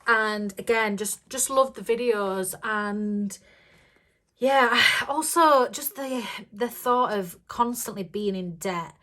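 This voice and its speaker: Here a woman who vlogs about budgeting talks to her viewers in a chatty, meandering way, full of ums and frequent giggles. Her voice is a touch croaky, mid-pitched for a woman, and fairly bright.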